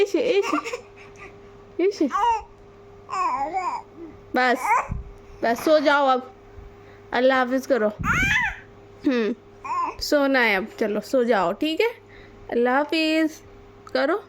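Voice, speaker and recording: Young mom doing baby talk to her twins, high voice, super slow and singsongy. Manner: sing-song, coaxing, repeats pet names.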